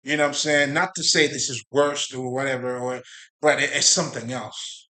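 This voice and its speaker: In a mid-range, bright voice with a steady, forceful tone at normal speed, a Haitian man talks to viewers about spirituality. His spiritual video monologue is rambling, casual and profane, with frequent laughter and repetition.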